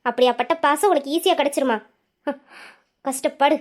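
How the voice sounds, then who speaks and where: Woman playing a stern high-voiced elder sister. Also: a little fast, natural voice. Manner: firm, lecturing. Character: knowing elder sister, stern yet caring. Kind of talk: amateur audio drama.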